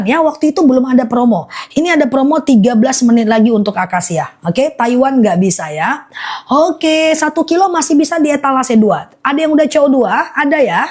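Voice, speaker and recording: A woman hosting a live shopping stream, reading out viewer comments and repeating prices and lists of ailments slowly. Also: high-pitched, a little mellow. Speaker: live-stream honey seller. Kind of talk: live shopping sales pitch.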